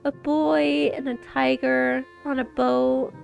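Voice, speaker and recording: A woman's voice: sits high, flat delivery, takes it slowly, gravelly, dull audio, soft background music, heavily acted. A woman voicing a painfully shy stammering schoolgirl. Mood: timid. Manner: stammering, quiet, breaking into tears. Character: timid stuttering teenage girl, painfully shy.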